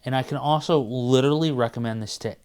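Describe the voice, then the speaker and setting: A man's voice: mid-range voice, quick pace, darkish tone, clear, resonant tone. A man in his forties co-hosting a podcast, chatting casually with a rambling, enthusiastic manner and sometimes losing his train of thought. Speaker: podcast co-host. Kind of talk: casual chat.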